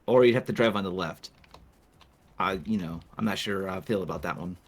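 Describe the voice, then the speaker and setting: A man co-hosting a casual video game review, speaking calmly and matter-of-factly. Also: low-pitched, brisk, breathy edge. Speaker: co-host. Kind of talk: casual gameplay review chat.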